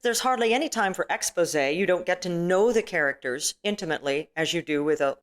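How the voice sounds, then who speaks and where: Here the same filmmaker and actress guest sounds expressive and talks fast. Her middle-aged, stage-trained voice booms as she chats loosely in the interview, often restarting and saying "you know."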